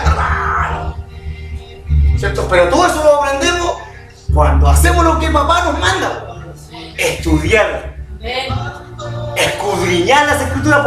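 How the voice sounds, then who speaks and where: A middle-aged man preaching a sermon, animated and often asking the congregation if they agree. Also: extremely high pitch. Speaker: pastor. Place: church hall. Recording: echoey hall, distant mic, music behind.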